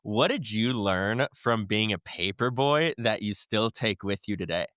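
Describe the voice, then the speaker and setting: A man's voice: on the low side, lively intonation, measured pace, a bit bright, no room sound. Upbeat male podcast host, dry sound. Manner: upbeat, brief reactions. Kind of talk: casual interview hosting.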